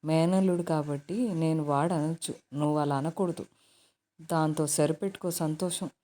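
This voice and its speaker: A woman's voice: low-pitched, steady tone, moderate pace, dark tone, natural voice. A woman voicing a fond, middle-aged mother who speaks to her grown daughter affectionately and teases her. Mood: teasing. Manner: affectionate, teasing.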